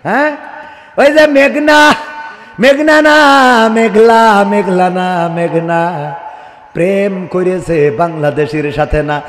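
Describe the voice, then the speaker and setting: A young Bangladeshi preacher with a high voice and a Bangladeshi Bengali accent speaks slowly from a stage at a religious gathering, giving a waz sermon with prayers and donation appeals. He's loud and declamatory, breaking into singsong chant and drawing responses from the crowd. The amplified sound system adds heavy long hall reverb, along with a little hiss or hum.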